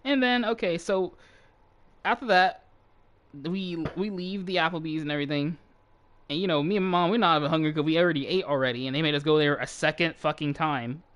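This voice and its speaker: A man's voice: fairly high pitch, a little fast, smooth. A young man casually telling a family story while he plays a game, laughing and swearing as he goes. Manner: animated, swears freely, laughs mid-story. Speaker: channel host.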